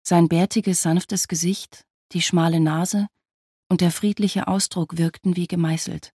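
Audiobook narrator, calm read, gravelly voice, dry close sound. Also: medium pitch, a little slow, dry recording. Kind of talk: scripted narration.

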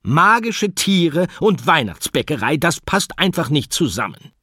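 A man's voice: fairly high pitch, sing-song, a little slow, sharp tone, husky, dry recording, clean studio sound, voice pushed up, exaggerated voice. Man doing a fed-up, scolding teacher lady. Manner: scolding, firm. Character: strict, fed-up woman schoolteacher.

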